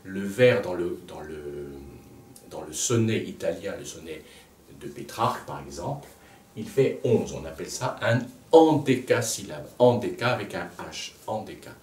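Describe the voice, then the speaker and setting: A man teaching a music lesson, explaining slowly with frequent pauses and restarts. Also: low-pitched, expressive, a little mellow, recorded from a distance, slight background noise. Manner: halting, with many restarts and filler sounds. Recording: echoey room, speaker off-mic.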